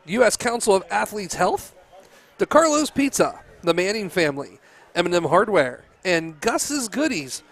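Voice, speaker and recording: A man commenting on a local high school football game in a chatty way, often laughing as he talks. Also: big pitch swings, normal speed, fairly bright tone. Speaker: sports commentator.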